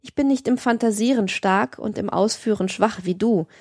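A woman's voice: mid-range voice, moderate pace, a little mellow, no room sound, close to an everyday voice. An imperious, cold mistress from an audiobook novel reading, voiced by a woman. She speaks in a stern, haughty way, with open contempt. The sound is dry and close. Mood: stern, commanding. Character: cold, imperious woman, commanding her lover.

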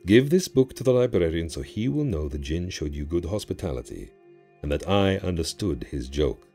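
A man playing a deep, mocking ancient jinn. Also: animated, dark tone, soft background music. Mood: teasing. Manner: theatrical, teasing, drawn-out pronouncements. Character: ancient male jinn, grand, mocking and cryptic. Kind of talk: audio drama acting.

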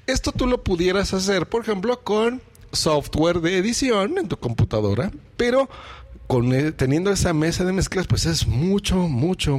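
A man's voice: fairly high pitch, a little mellow. A man, a podcast host explaining step by step in a how-to tutorial as he demonstrates equipment, speaking into a microphone run through a mixing desk in a home podcast studio.

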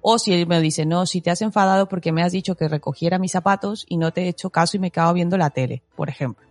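A woman with a slightly low voice chats casually about raising her children. She acts out the lines of the people in her stories with animated energy. The sound is dry and close, with faint music in the background. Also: fast, dry recording. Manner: animated storyteller, acts out quotes with laughter. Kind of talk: casual parenting chat.

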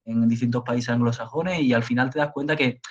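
A man's voice: medium pitch, steady tone, brisk. A man from Spain, a university professor, talking emphatically as an interview guest and repeating words for stress. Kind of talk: conversational interview. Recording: dull lo-fi audio.

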